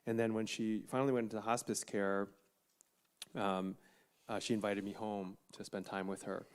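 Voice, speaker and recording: A man's voice: lowish voice, flat delivery, moderate pace, smooth. A man on a conference panel telling an earnest personal story and acting out quoted family members. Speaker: panel guest.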